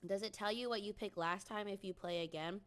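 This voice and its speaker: Speaking a little fast in a mid-range voice, a young woman chats loosely with her stream viewers. Her talk wanders and is full of ums, and her voice is on the mend from a cold.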